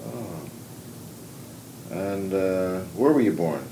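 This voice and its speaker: A man interviewing a former porter with brisk, businesslike questions in an archival recording. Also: low voice, lively intonation, mellow, a little hiss or hum, low-quality recording. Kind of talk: archival oral history interview.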